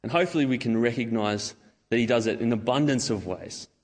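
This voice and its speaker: Relaxed man preaching in a hall. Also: mid-range voice, fairly quick. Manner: casual storytelling with acted-out quotes. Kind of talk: sermon. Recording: long hall reverb.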